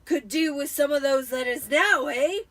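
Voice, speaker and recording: A woman voicing a blustering, gleeful, manic middle-aged uncle in a dramatic storybook reading, with loud, drawn-out exclamations. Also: sits high, dry recording, voice pushed up. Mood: smugly cheerful.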